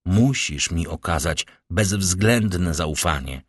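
Man voicing a solemn fatherly nobleman, reassuring, deep low voice, dry close sound. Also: lively intonation, slow, dry recording, heavily acted. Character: grave fatherly older nobleman protector.

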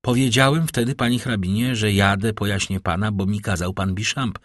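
A man voicing a young male servant who is out of breath and speaks with hurried deference. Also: on the low side, fairly even intonation, dry recording, clean studio sound, close to an everyday voice. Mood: breathless, deferential.

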